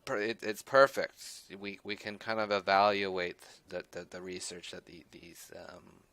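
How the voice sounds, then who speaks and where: A man voicing an officious Indigo officer who debriefs a player, talking in halting starts and restarts. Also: fairly low pitch, fairly even intonation, pushed and bright, clear, resonant tone, dry recording. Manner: halting, full of restarts and fillers.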